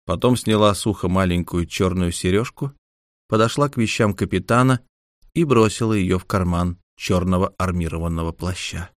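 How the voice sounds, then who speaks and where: A male narrator reads fiction in a lowish voice. The recording is dry and close, suited to an audiobook. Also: moderate pace, dry recording.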